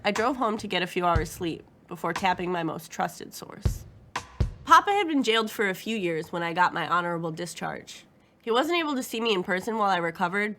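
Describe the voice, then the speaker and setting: A woman's voice: medium pitch, a bit bright, slight background noise. Wry woman narrating a crime story. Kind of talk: first-person story narration.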